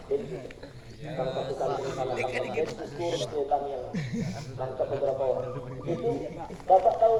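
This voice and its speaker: A man giving a lively, humorous sermon at a school religious gathering, telling stories and speaking straight to his listeners. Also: medium pitch. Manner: jokey, storytelling, addresses the audience directly. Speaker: Islamic preacher. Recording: echoey room, distant mic, dull lo-fi.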